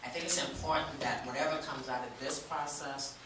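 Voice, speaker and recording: A man on the commission speaks at a public meeting, halting often and using many fillers. He sounds far from the mic, with a very echoey hall and clear background noise around him. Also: mid-range voice, fairly even intonation.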